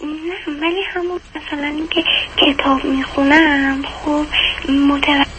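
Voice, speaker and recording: A young woman calling into a radio show, hoarse, speaking softly and hesitantly with many pauses. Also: high voice, flat delivery. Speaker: caller. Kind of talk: radio call-in conversation. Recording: noisy phone line.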